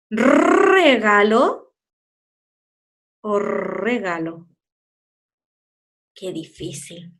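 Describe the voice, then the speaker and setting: Woman teacher, fairly high voice, slow drawn-out kids' lesson delivery. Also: a bit bright. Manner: slow, drawn-out pronunciation of sounds, playful. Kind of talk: recorded lesson for young children.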